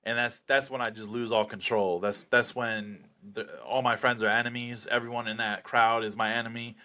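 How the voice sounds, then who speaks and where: A man's voice: medium pitch, fairly even intonation, normal speed, sharp tone. A man being interviewed as a fighter, chatting casually with cocky, sweary bravado.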